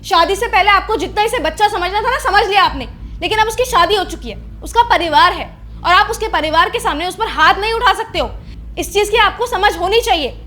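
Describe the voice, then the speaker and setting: A woman's voice: very high-pitched, pushed and bright, exaggerated voice. A woman playing an indignant young wife who confronts her sister-in-law in a scripted family drama. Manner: confrontational, scolding.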